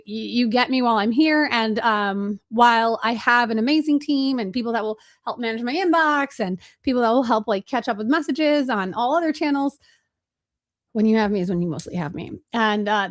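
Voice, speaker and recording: A higher-voiced woman from Chicago hosts a live teaching webinar as an agency trainer. She speaks fast, directly and energetically, keeping it casual with filler words.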